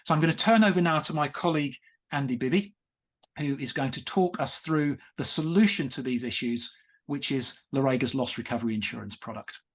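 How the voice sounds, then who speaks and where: Measured man addressing brokers. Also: mid-range voice. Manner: measured, explanatory, addresses listeners directly. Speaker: insurance broker relations director presenting a webinar. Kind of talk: presenting a sales webinar.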